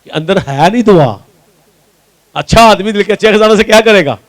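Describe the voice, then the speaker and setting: A man's voice: high-pitched, expressive, normal speed, low-quality recording. A male pastor from Pakistan with a Punjabi accent, preaching a sermon and answering his own questions to the congregation. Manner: asks the congregation questions and answers them himself; repeats key lines for emphasis.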